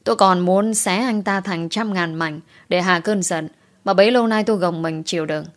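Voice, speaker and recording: A woman's voice: on the low side, normal speed. A woman narrating a first-person audio story in a wistful, emotional way.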